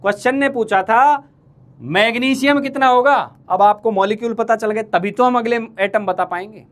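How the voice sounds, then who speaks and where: High-voiced man teasing his class. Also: moderate pace, a bit bright. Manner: teasing, calls students playful names; repeats questions to the class. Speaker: chemistry teacher. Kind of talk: live online exam-prep lecture.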